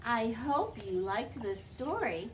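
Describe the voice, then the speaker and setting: A woman voicing a sweet, gentle old granny who tells a children's story expressively, lingering on and repeating words. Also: a little high, very animated, slow. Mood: gentle, unhurried. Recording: distant microphone, faint background noise.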